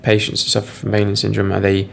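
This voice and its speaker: A man's voice: lowish voice, completely flat delivery, quick pace, gravelly, fairly bright tone. A man co-presenting a radio science show, chipping in with curious questions. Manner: inquisitive, interjecting with questions. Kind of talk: casual science chat.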